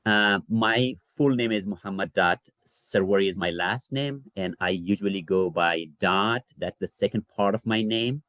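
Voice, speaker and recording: A man's voice: on the low side, a bit bright, no room sound. Earnest man from Afghanistan presenting. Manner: earnest, measured, with frequent fillers. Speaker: refugee services associate director. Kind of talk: library presentation.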